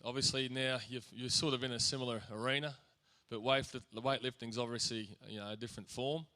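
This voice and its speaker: A man's voice: mid-range voice, fairly even intonation, fairly quick, pushed and bright, clean tone. Chummy Australian man hosting awards. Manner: chummy, keeps saying "mate". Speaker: master of ceremonies. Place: school hall on stage.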